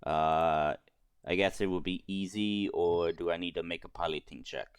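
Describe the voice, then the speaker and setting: Low, smooth-voiced hesitant male player. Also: normal speed, dry recording. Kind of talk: casual tabletop game chat.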